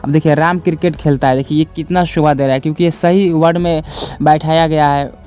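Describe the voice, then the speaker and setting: Walking his students through a lesson step by step, a young man repeats every point twice and addresses them directly. He speaks a little fast in a fairly high, steady voice with a darkish tone, and faint music plays behind him.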